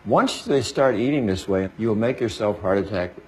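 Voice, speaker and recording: A man's voice: fairly low pitch, normal speed, a little hiss or hum. A male doctor answering interview questions emphatically, listing items one after another.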